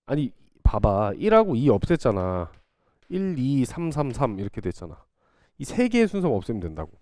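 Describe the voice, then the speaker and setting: A man's voice: medium pitch, wildly swooping pitch, normal speed, dark tone, dry recording, studio quality. A man teaching a math class in a small classroom, chatting and teasing his students playfully between problems. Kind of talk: casual classroom lecture.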